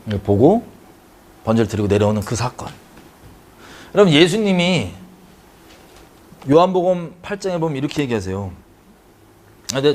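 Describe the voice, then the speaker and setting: A man teaching a Bible study, telling the story dramatically, acting out the characters' cries and putting questions to his listeners. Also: medium pitch.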